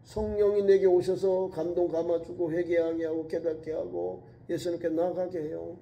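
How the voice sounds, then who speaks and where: A man preaching a sermon with a high voice that stays deep-toned and mellow. He presses his points through repeated calls to act. He swings from raised, urgent lines to low, quiet asides. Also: flat delivery, normal speed, gravelly. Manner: emphatic preaching with repeated exhortations. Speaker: pastor. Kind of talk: sermon at a midweek prayer service.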